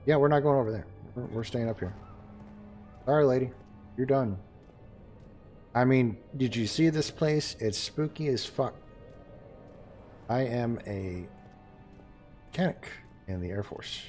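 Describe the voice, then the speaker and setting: Live-streaming his gameplay, a man talks and jokes casually with his chat as he plays. His voice is medium-pitched and a little mellow, his pace a bit slow with long pauses, and soft music plays in the background.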